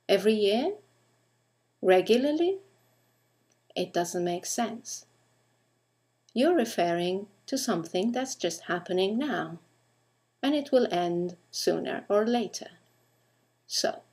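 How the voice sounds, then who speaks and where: A woman giving a recorded English grammar lesson at an unhurried pace. Her voice sits in a middle register, and she speaks clearly and deliberately. She often turns to the listener with questions. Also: mid-range voice, darkish tone. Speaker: English teacher.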